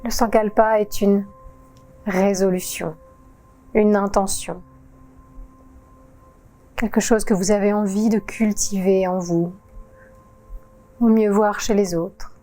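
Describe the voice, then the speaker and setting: A woman yoga teacher guiding a relaxation session in a calm, soothing voice-over with long pauses. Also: mid-range voice, soft background music. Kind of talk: guided relaxation narration.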